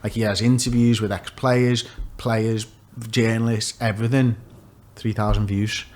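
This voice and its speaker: A man's voice: lowish voice, level tone, a little slow, a little mellow. A man, talking casually and offering opinions as an interview guest. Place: small office studio, indoors. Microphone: desk microphone.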